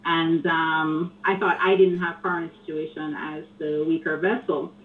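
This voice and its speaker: A woman calling in to a radio show, speaking softly and earnestly with frequent pauses. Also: sits low, flat delivery. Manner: soft-spoken, earnest, halting. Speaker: caller. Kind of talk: call-in phone conversation. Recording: tinny phone line with hiss.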